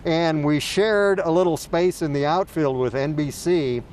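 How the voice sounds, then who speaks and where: A man's voice: on the high side, measured pace, a little mellow, a little hiss or hum. Friendly man anchoring a morning show. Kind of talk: casual studio chat.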